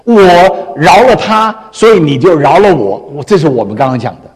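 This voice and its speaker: A male pastor preaching a sermon in an animated storytelling manner. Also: a little high, brisk, breathy edge, big-room sound. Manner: storytelling, animated, frequent tag particles.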